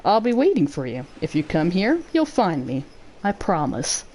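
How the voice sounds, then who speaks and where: A woman voicing a terse, aloof young male mercenary with a clipped, flat delivery. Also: on the low side, moderate pace, a little hiss or hum. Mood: reassuring.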